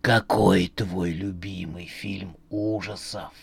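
A man doing a slow, low metallic robot voice on the phone. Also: vocal fry, husky, no room sound, heavily acted. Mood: eerie calm. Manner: slow, eerily calm quizzing. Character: calm mysterious caller with an artificial metallic voice. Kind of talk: audiobook narration with voiced characters.

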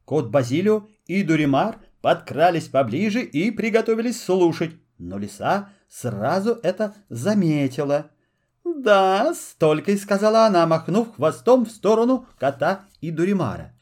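A man narrating a children's fairy tale in an expressive storytelling manner. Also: a little high, normal speed, hardly any pauses. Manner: lively, storytelling.

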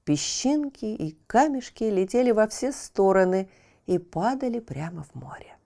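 A woman narrating a children's bedtime story in a gentle, unhurried manner, sometimes dropping into a whisper at phrase ends. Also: medium pitch, very animated, vocal fry.

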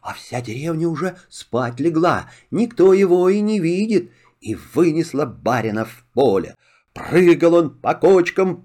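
A man narrating a children's fairy tale in an animated storytelling manner. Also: fairly high pitch.

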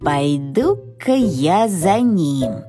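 A woman's voice: lowish voice, sing-song, very slow, over music, voice pushed down, exaggerated voice. Woman doing a small boastful duckling boy. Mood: curious. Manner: eager, boastful.

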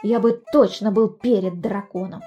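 A woman voicing a stubborn, hot-tempered male rooster who shouts shrilly in a storybook reading. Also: mid-range voice, steady tone, moderate pace, breathy edge, dull audio, soft background music, lightly acted. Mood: sulking.

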